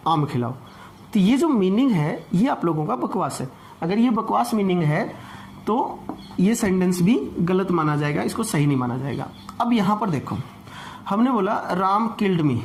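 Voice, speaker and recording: A man's voice: high voice, a little mellow, slight background noise. A man teaching an English grammar class, explaining patiently and repeating points, often asking rhetorical questions.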